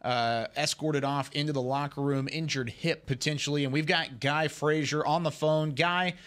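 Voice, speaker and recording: A man hosting a live high school football scoreboard show in a studio, running through scores in an upbeat way. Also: steady tone, moderate pace, a bit bright. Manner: upbeat, moving through game results. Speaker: studio host.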